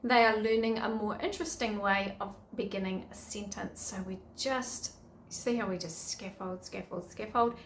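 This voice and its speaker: A woman's voice: mid-range voice, moderate pace, roomy sound, a little hiss or hum. A middle-aged woman, giving upbeat, chatty teaching tips to other teachers. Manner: chatty, upbeat, self-correcting.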